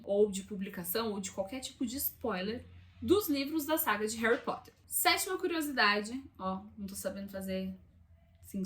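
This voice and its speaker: A young Brazilian woman talks to her camera about books in a relaxed, chatty way, with a voice sitting a little high. She recorded it indoors beside a window and often drops side remarks to the viewers. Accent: Brazilian Portuguese. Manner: chatty, conversational, asides to viewers. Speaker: book channel host. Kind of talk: casual talking-head vlog. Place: room by a window.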